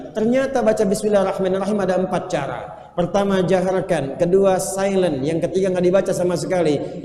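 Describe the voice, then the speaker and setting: A man preaching a lively sermon to a live audience, quizzing the listeners and chanting Arabic phrases. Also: high-pitched. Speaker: Islamic preacher. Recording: echoey hall, faint ambience.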